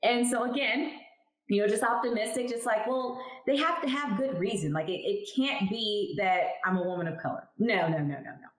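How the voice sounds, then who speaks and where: Talking at normal speed in a slightly high voice, a cannabis lab chemist in her thirties recounts her story with candor and emphasis. She's a guest in a laid-back interview over video call, wearing headphones in a room at home. The rough recording is echoey with a little hiss or hum.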